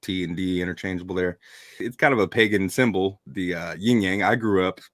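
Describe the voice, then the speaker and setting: A man hosting a casual panel discussion, relaxed and thinking aloud between chuckles. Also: low-pitched, brisk, no room sound, studio quality. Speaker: host.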